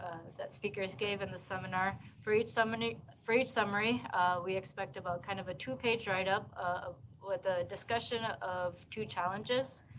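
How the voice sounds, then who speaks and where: In a seminar room, a woman instructor with a mid-range voice gives course announcements haltingly and hesitantly. The recording is of a noisy room.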